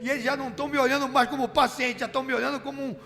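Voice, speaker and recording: High, gravelly deacon testifying. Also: male voice, very fast. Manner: animated storyteller who acts out his own quotes, rising to shouts at the peaks. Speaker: church deacon giving a testimony. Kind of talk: church testimony storytelling. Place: church hall. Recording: reverberant church hall with music behind.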